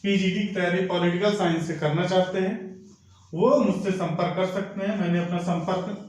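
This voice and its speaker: A man's voice: high voice, steady tone, normal speed, a little mellow. A man teaching an exam coaching lecture, who explains patiently and asks and answers his own questions. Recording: very echoey room.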